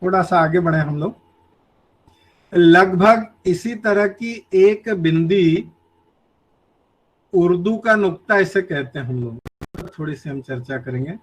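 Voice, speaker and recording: A man giving a lecture on grammar, slowly listing example words one by one. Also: high voice, low-quality recording. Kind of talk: slow explanatory lecture.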